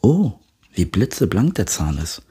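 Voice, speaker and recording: A gentle tooth fairy speaks in whispered role-play, as a man puts her on. Her voice is all breath and hush, from a storybook. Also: fairly low pitch, sing-song, a little slow, husky, exaggerated voice. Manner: whispering softly. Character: soft-spoken female tooth fairy.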